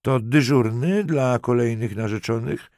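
A man's voice: mid-range voice, a little slow, darkish tone, no echo, pitched above the performer's own voice, natural voice. A man reading a young woman, teasing at first and later frightened and close to tears. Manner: teasing, then pleading and breathless.

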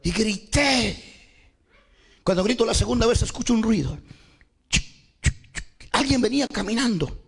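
A man with a very high voice, gravelly and husky, tells his story to a church crowd. He preaches in a dramatic way and often bursts into shouts. He calls out to the people to clap and praise. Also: animated, measured pace, pauses often. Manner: rallies the congregation to clap. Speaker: testimony speaker at a church service.

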